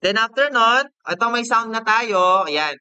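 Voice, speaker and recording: A man with a Filipino accent teaching a screen-recorded software lesson, casual and checking in with the class often. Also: very high-pitched, expressive, a little slow, clean tone, no room sound, highs cut off.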